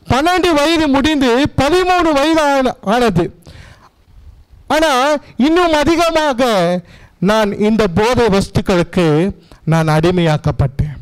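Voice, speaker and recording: A man with a Tamil accent preaches his own testimony in a strikingly high voice that stays smooth and resonant. He speaks earnestly and pleads with his listeners, often repeating phrases. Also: rough recording. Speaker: pastor. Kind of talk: personal testimony sermon.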